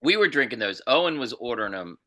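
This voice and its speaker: Bright-voiced man, halting podcast chat. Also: mid-range voice, big pitch swings. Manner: halting, restarts often, trailing off. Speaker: podcast co-host. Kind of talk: casual chat.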